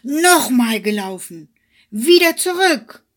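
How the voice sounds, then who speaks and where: A woman voicing a proud, hasty male hare who shouts in agitation. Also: high voice, very animated, slow, voice pushed up, full character voice. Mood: furious.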